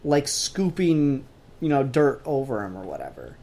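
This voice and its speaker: A podcast co-host talks casually about comic books, blunt and opinionated. His medium-pitched voice is gravelly yet mellow, swings hugely in pitch, and moves at a moderate pace.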